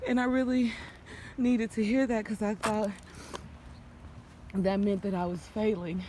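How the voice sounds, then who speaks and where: A woman's voice: medium pitch, flat delivery, measured pace, warm tone. Earnest woman vlogging outdoors. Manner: earnest, encouraging. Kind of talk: casual heartfelt vlog chat. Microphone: handheld phone. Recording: noisy outdoor phone recording.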